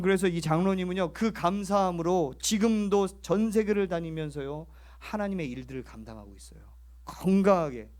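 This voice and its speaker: Male pastor giving a sermon, kinda high voice, lively storytelling, talks right to the people in the pews. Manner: animated storytelling preacher, addresses the congregation directly. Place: church.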